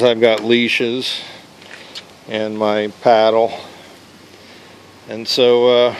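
A man gives a casual walkthrough of his homemade fishing kayak, talking into a handheld camera outdoors. His delivery is level and unhurried, with little rise and fall, and he often stops with an "uh". Faint outdoor noise sits under the voice. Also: medium pitch. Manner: relaxed, plain-spoken, with frequent "uh" pauses. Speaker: kayak angler showing his gear. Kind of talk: casual show-and-tell walkthrough. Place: outdoors on a paved driveway.

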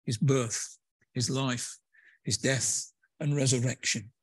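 A man's voice: mid-range voice, fairly even intonation, takes it slowly, breathy edge, no echo. A man preaching a conversational sermon in a church, with hesitant fillers and restarts. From England.

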